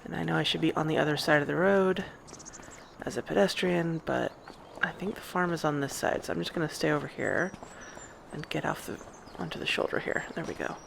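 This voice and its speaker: A woman's voice: deep voice, fairly quick, creaky, slight background noise. A woman doing in-character roleplay narration over gameplay, chatty and rambling as she wonders aloud. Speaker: roleplay gamer.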